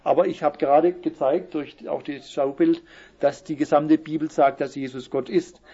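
A man giving a Bible teaching talk, who explains verses and reads the quotes slowly with emphasis. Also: on the high side, fairly even intonation, mellow, husky. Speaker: preacher. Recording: muffled lo-fi recording.

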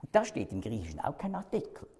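Man, Bible study teacher, lively up-and-down pitch, stresses words, explains patiently. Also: fast, slightly rough. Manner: explanatory, stresses key words, checks in with listeners.

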